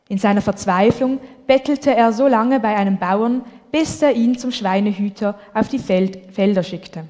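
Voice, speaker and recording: Female reader for a Bible passage, measured and calm, a bit high, reverberant hall. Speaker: scripture reader. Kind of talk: Bible reading.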